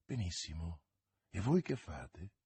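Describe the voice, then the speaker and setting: A man voicing a cold, scheming noble lady who speaks low and hushed with a husky tone. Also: big pitch swings, slow, no echo, exaggerated voice.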